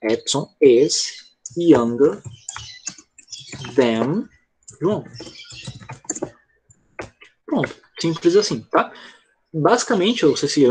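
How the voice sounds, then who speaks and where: With a Brazilian Portuguese accent, a male English teacher walks an online student through grammar step by step, frequently checking that they're keeping up. His voice is fairly high with a somewhat dark tone, and there's slight hiss or hum.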